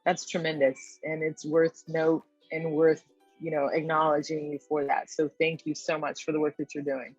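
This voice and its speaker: A woman's voice: low-pitched, little pitch movement, normal speed, breathy edge, no room sound, soft background music. Woman, podcast guest, thoughtful, checks in with tag questions, muffled lo-fi sound. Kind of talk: podcast conversation.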